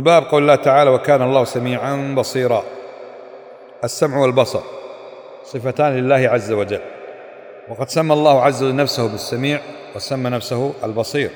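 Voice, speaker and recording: A man's voice: mid-range voice, darkish tone. A man gives a religious lesson, speaking emphatically and firing rhetorical questions at his listeners. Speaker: Islamic scholar teaching a class. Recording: echoey hall with long reverb.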